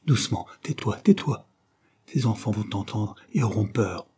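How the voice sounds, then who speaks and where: A man reading aloud voices a calm, kindly older woman who speaks in a soothing, measured way. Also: fairly low pitch, vocal fry, husky, full character voice.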